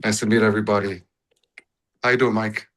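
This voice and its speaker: Casting: man, bright tone, relaxed storyteller calling in over a video call. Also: fairly low pitch, brisk, slight background noise, low-quality recording. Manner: easygoing storyteller. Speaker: audience member calling in. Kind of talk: casual call-in chat.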